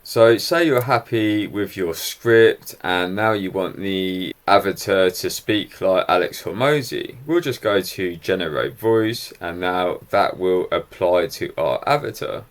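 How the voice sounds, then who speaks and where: Low-voiced man walking through software. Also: unhurried, few pauses. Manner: upbeat, explanatory walk-through. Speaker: software reviewer. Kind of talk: screen-recorded software tutorial.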